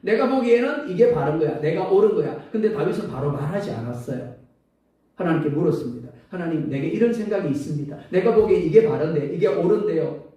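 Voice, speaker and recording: A male pastor preaching a sermon with an animated delivery, acting out everyday sayings, his throat a little sore. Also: high voice, quick pace. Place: church sanctuary. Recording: echoey church hall from far off.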